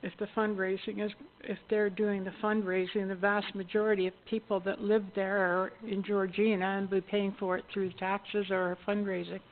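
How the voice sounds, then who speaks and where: A woman's voice: mid-range voice, level tone, moderate pace, few pauses. Questioning Canadian woman mayor. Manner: questioning, spells out figures. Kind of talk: council meeting discussion. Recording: tinny phone-like audio with faint room noise.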